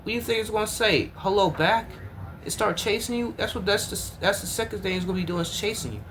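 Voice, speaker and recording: A man's voice: high-pitched, quick pace, fairly bright tone, slight background noise. Exasperated man reacting to a video. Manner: exasperated, repetitive, talks straight to viewers. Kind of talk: casual reaction commentary.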